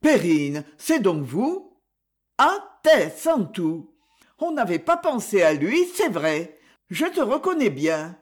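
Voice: medium pitch, sing-song, takes it slowly. A reader playing a confident young miller's wife. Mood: assured. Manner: assured and commanding.

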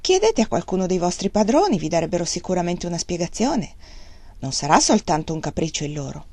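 A woman reading the part of an earnest, composed young lady who speaks in a calm, reasoning way. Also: lowish voice, brisk, no room sound.

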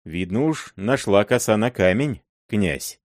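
Man reading sly robber chief, folksy, lively rise and fall, dry close sound. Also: fairly low pitch, a little slow, dry recording. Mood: gruff persuasion. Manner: folksy, persuasive, earthy. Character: shrewd older male robber chief, blunt.

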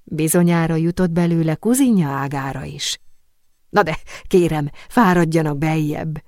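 A woman voices a balding, middle-aged porcelain master in an audiobook, bubbling over with welcome and apologies. The voice sits low and sounds dry and close. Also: warm tone, no room sound. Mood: eager. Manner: effusive, apologetic, exclaiming. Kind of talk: audiobook character reading.

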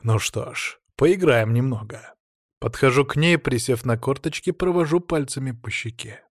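A man reading first-person audiobook narration in a calm, measured, menacing manner. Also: medium pitch, dry recording, studio quality.

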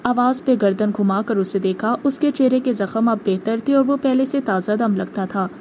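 A woman narrating a novel aloud in measured, dramatic storytelling. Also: a little high, a little mellow, slight background noise. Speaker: audiobook narrator.

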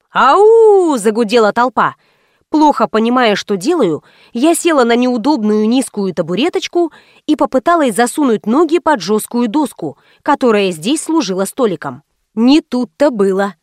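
A woman's voice: a little high, no echo. A woman narrating a first-person novel in a wry, ironic way, close to the microphone. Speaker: audiobook reader.

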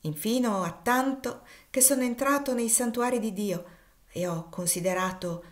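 A woman reading the part of a calm, devout older male host who is steady and kindly, with measured and solemn delivery in an audiobook. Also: on the high side, pitched above the performer's own voice, natural voice.

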